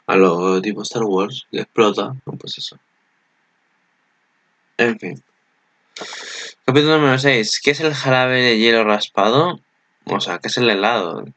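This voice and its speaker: A man's voice: lowish voice, unhurried, pauses often, a bit bright, no room sound, highs cut off. A young man from Spain with a Spanish accent, giving casual, rambling commentary on an anime preview with lots of filler tags.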